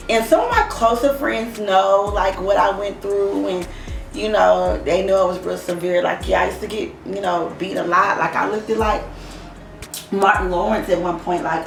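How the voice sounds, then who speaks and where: A woman's voice: medium pitch, creaky, far from the mic. A young woman from Oklahoma speaks as an interview guest, telling her life story bluntly and with open profanity. She sits a little away from the microphone in an echoey room. Faint music plays underneath. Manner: blunt and profane, frank about hard past. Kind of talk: candid casual storytelling. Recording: roomy echo, voice off-mic, faint music behind.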